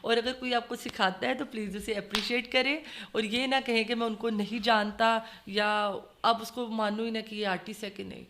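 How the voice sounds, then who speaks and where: A woman's voice: fairly high pitch, fairly even intonation, few pauses, a bit bright. A woman with a Lahori accent, speaking as a guest in a casual chat and earnestly giving advice. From Lahore, Pakistan. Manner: earnest, advising, drives home a moral point. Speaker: guest, social media creator.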